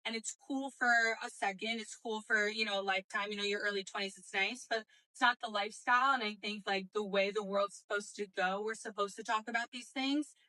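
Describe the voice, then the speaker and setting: A woman's voice: medium pitch, steady tone, brisk, hardly any pauses, pushed and bright, no echo, low-quality recording. A woman chatting casually on a wellness podcast, loose and slangy, with plenty of "like" and "you know". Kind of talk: casual chat.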